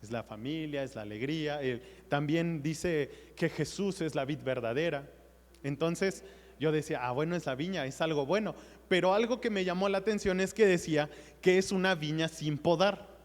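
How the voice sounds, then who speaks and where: A man's voice: on the high side, moderate pace. A man preaching a sermon in a church, earnestly speaking straight to the congregation as brothers. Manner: earnest, addresses listeners directly as brother. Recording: long hall reverb.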